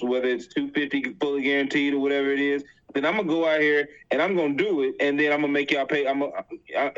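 A fast-talking man in the middle of a sports debate, steadily arguing his side. His voice sits at a mid pitch, and the recording is dull and lo-fi. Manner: quick, argumentative. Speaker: podcast co-host.

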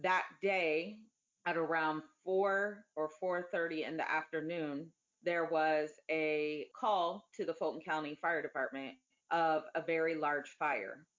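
Slow-talking woman giving an interview account. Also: deep voice, steady tone, a bit bright, highs cut off.

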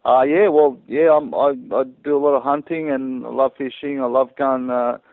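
A man's voice: mid-range voice, steady tone, normal speed, no echo. A man from Croatia, a guest on a hunting podcast, telling stories in a rambling, hesitant way. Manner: rambling, hesitant, chuckling storyteller. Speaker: guest hunter. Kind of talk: casual interview storytelling. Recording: tinny phone-line call.

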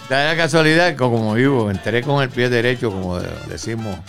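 An older man tells stories as a radio guest. He takes his time, pausing often and filling the gaps, his voice at an ordinary pitch over faint salsa music. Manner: relaxed, hesitant storyteller with many fillers. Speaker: guest singer. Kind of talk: telling anecdotes.

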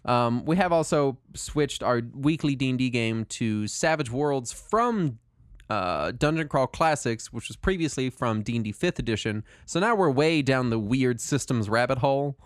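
A man in his thirties talks casually on a podcast in a dry, close recording. He that he keeps in check. His delivery is hesitant and rambling, at a middling pitch. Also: lively intonation, moderate pace, no room sound. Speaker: podcast co-host. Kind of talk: casual chat.

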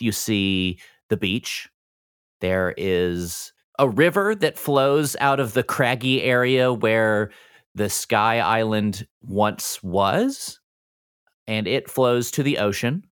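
A man acts as game master for a tabletop role-playing game. His voice sits a little low and moves with animated intonation. He describes places informally, as if chatting with the players, in a very dry recording. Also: smooth, no echo. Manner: informal, conversational scene-setting.

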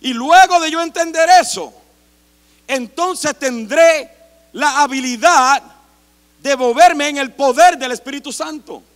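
A middle-aged man preaching a sermon as pastor, impassioned and rising to shouts. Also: extremely high pitch, measured pace. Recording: long hall reverb.

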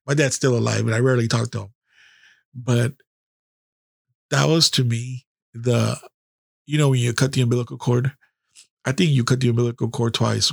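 A male podcast host tells candid, blunt personal stories laced with heavy profanity, laughing at himself in a self-deprecating way and restarting often. His mid-range voice is creaky and husky, captured cleanly in a studio with no echo.

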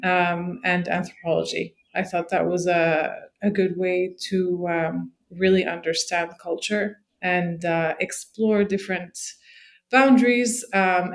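A woman from Morocco, a podcast guest, telling her story in a friendly, relaxed way with fillers. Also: fairly low pitch. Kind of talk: casual interview chat.

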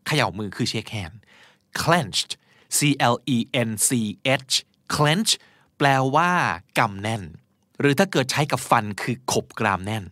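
A man's voice: mid-range voice, expressive, slow, pushed and bright, no echo, clean studio sound. A man hosting a podcast vocabulary lesson, explaining words patiently and spelling them out letter by letter. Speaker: podcast host teaching English vocabulary.

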